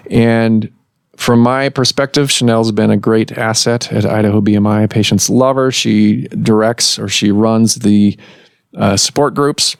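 A low-pitched man hosts a medical podcast and explains things slowly, with frequent pauses and restarts. The sound is dry and close, as if recorded on a podcast mic in an office. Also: steady tone, creaky, no room sound. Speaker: podcast host and surgeon.

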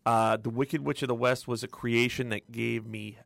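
A man on a casual podcast, telling a childhood memory as an expressive storyteller. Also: medium pitch, normal speed, vocal fry, no room sound. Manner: expressive storyteller who laughs as he recalls things. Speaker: podcast co-host.

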